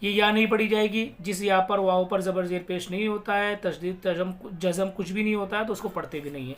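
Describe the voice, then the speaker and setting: Teaching Quran reading, a man spells out every letter and vowel mark one by one and then slowly recites the words, stretching them out. He speaks in a high voice with fairly even intonation.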